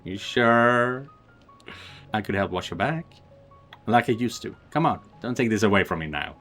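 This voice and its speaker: A man's voice: lowish voice, animated, normal speed, a bit bright, soft background music. A man voicing a playful, nosy older sister who wheedles and teases her sibling. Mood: teasing. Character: teasing affectionate older sister, young woman.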